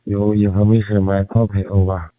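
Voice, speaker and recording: Amateur radio caller, male, lowish voice, halting phonetic call signs, signal breaking up on a tinny dry line. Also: little pitch movement, dry recording. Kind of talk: radio call-sign exchange. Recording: thin dry radio transmission.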